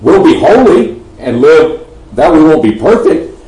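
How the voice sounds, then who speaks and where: Preaching a sermon in a Texan accent, this man swells emphatically on key phrases and often restarts his sentences. His voice is fairly high, sing-song, warm, and a little slow. The mic sits at a distance in a roomy, echoing space.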